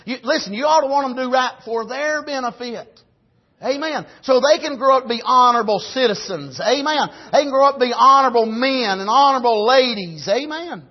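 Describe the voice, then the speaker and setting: A dull, lo-fi recording of a male preacher with an Appalachian accent. His voice is very high for a man and rough with huskiness. He delivers a folksy, storytelling sermon, circling back over his phrases. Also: fairly quick. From rural United States, grew up on a farm. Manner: punctuates phrases with "amen", repeats and restarts phrases for emphasis.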